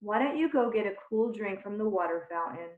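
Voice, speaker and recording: A woman voicing a quirky male teacher who lectures his class gently and firmly, in a children's storybook. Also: medium pitch, lively intonation, lightly acted. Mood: lecturing. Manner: measured, lecturing. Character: odd, fussy male teacher, calm and gentle. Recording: tinny phone-like sound in a roomy space.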